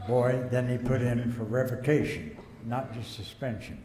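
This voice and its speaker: A man's voice: mid-range voice, mellow. Folksy older man in echoey hall. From United States. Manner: folksy, rambling, chuckles at own stories. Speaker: guest speaker. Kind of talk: anecdotal storytelling speech. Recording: echoey hall, faint background noise.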